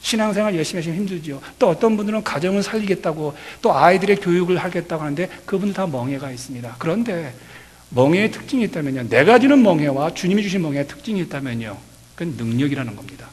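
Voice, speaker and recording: A man's voice: on the high side, animated, fast. Impassioned male pastor, echoey hall. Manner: impassioned, building to loud pleading. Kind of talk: sermon.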